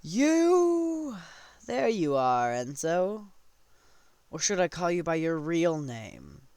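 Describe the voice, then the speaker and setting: A taunting fantasy king, put on by a man telling a tabletop story. He speaks in slow, drawn-out lines, pitched up and loud. The voice swings high and low as he goads his quarry. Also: huge pitch swings, vocal fry, clear, resonant tone, dry recording, full character voice.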